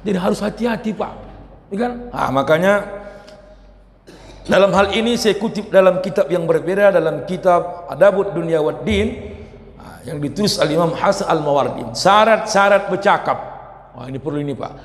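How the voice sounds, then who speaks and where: A man preaching a lively sermon, loud and forceful, dropping into quiet asides and teasing the audience with questions. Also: high voice, normal speed. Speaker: Islamic preacher. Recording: echoey hall reverb.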